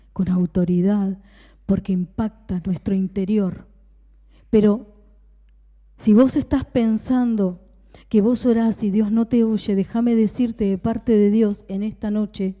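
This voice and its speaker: A woman's voice: medium pitch, dark tone. Woman pastor preaching in a reverberant hall. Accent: Rioplatense Spanish. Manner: preaching with emphatic repetition, dropping to a whisper at times. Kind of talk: sermon. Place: church.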